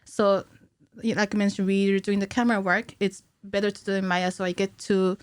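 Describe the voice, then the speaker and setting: A guest on a casual podcast, this cinematic animator talks through her technical work haltingly, her mid-range voice smooth and flat in delivery. She speaks indoors in a small curtained studio, using a boom-arm studio mic and headphones, and the recording is dry.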